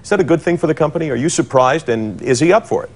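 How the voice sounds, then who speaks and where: A man's voice: fairly high pitch, expressive, fast talker, a little mellow. A man hosting a sports talk show, pressing his guest with probing questions. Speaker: talk show host, interviewer. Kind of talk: broadcast sports interview.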